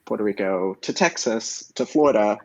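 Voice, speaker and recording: A man with a fairly low, slightly mellow voice and lively intonation asks questions at a normal speed in a casual oral history interview by video call. He comes across as friendly but hesitant, full of fillers. The lo-fi call audio sounds dull and dry, with no echo.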